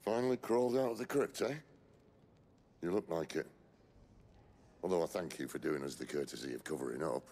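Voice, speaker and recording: A gruff, sardonic leader of rebels from a fantasy video game. His British voice is extremely deep and full of gravel. He talks bluntly and with dry, commanding ease, over a faint background rumble. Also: a little fast, long pauses, warm tone. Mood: sardonic, brisk.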